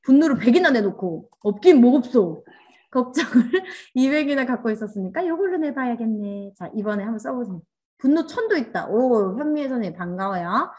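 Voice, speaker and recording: Lively, animated woman teaching a class. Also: fairly high pitch. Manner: animated, coaxing, acts out inner voices. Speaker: workshop instructor. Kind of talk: online class lecture.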